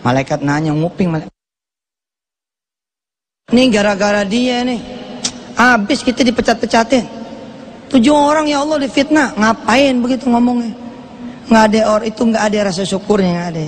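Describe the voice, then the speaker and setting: Middle-aged male preacher, high pitch, animated sermon delivery, soft background noise. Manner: animated, acts out quoted prayers.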